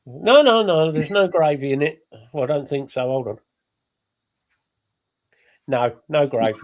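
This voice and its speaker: A man from England in casual chat, emphatic and quick to correct others, talking over a remote call. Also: a little high. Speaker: podcast co-host. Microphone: remote call setup.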